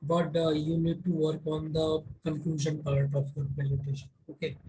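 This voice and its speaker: A man's voice: on the high side, completely flat delivery, normal speed, mellow. A man with an Indian accent giving instructive feedback as a mentor on a video call. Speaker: internship mentor hosting the meeting. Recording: noisy video-call audio.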